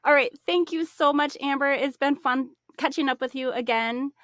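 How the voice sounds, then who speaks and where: Woman, podcast host, slightly high pitch, dry close sound, friendly questions. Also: moderate pace, fairly bright tone, no room sound. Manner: friendly questions, brief backchannels. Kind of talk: casual interview chat.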